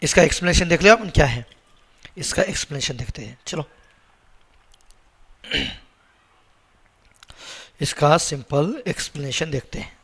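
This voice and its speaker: A man's voice: on the high side, lively intonation, moderate pace, long pauses, a bit bright, husky. A man with a sore throat, teaching a screen-recorded coding lesson and repeating words many times as he types. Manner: asks the viewers questions as he teaches. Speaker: programming instructor.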